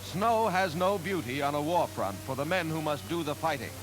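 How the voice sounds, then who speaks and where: A man's voice: a little high, animated, moderate pace. A man narrating wartime footage in solemn, emphatic 1940s newsreel style, with old newsreel sound. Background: music.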